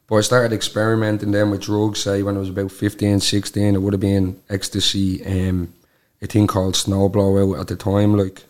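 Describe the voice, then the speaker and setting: This young podcast guest from Dublin has a low, even-pitched voice and a Dublin Irish accent. He's in his twenties and chats colloquially through a casual personal interview, scattering "like" and "you know what I mean" throughout.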